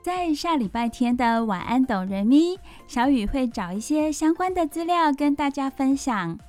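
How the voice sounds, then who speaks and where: Female children's host, Taiwanese accent, higher register, bedtime storytelling addressed to young listeners, light music underneath. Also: expressive, moderate pace. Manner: addresses young listeners directly with gentle sentence particles and questions.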